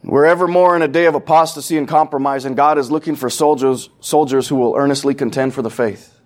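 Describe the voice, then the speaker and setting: A pastor preaches in a church sanctuary in a medium-pitched, fairly even voice at a quick pace. His style is conversational: he talks casually with the congregation, asks them questions, and acts out quoted voices.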